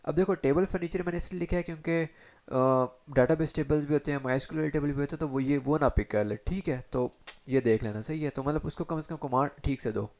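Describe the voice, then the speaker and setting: Man, gravelly voice, chatty tutorial instructor, talks straight to viewers. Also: on the high side, brisk, a little mellow. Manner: chatty, addresses viewers directly with frequent fillers. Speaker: SEO instructor. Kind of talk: screen-share tutorial, casual explaining.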